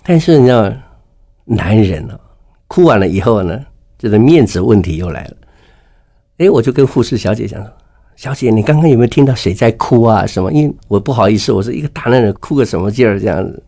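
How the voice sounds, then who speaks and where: Middle-aged male guest, husky low voice, heartfelt testimony storytelling that acts out the dialogue. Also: animated, fast, mellow. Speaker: interview guest. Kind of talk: personal faith testimony.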